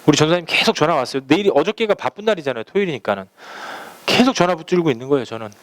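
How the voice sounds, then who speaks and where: A man's voice: a little high, animated, racing, dry recording. A man pastoring a church, preaching a sermon through personal stories told in a conversational way, acting out the phone calls he describes. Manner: conversational storytelling, acts out quoted phone calls.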